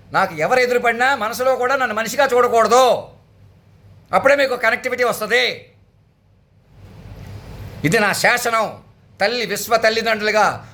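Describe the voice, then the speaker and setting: A man with a high voice preaches in a commanding, proclamatory way. He hammers home his points through repetition. His voice is bright and sharp. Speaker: self-styled spiritual leader. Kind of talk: proclamatory sermon.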